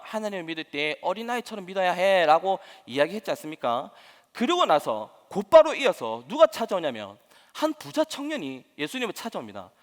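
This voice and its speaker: A male pastor preaches to his congregation in an animated way, throwing out rhetorical questions and acting out the voices he quotes. His voice sits high and leaps all over in pitch. The sound carries a long reverb from the church sanctuary. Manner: acts out quoted voices with laughs. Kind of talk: sermon at a Wednesday service.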